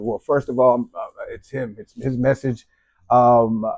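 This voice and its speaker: Here a man from Texas, middle-aged, starts his faith vlog in a loose, chatty way, often restarting and filling gaps. He speaks at medium pitch with warmth, and the lo-fi audio sounds dull and dry, with no room sound.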